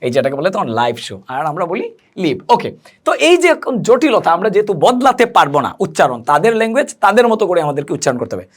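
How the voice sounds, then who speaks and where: Very animated and high-pitched, a man runs a spoken English lesson in which he explains at a slow pace, spells out words, and responds to his own questions.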